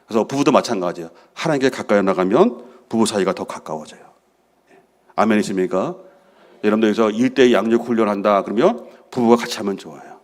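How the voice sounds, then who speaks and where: A man's voice: on the low side, fast. A middle-aged man preaching a sermon as senior pastor, asking the congregation questions and answering them himself. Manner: drops to a soft hush for prayers he acts out.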